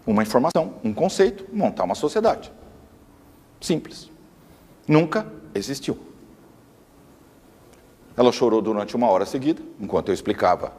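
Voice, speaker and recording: Male lecturer, lively pitch, insistent and repetitive delivery, reverberant hall. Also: breathy edge. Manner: emphatic, repeats words for stress.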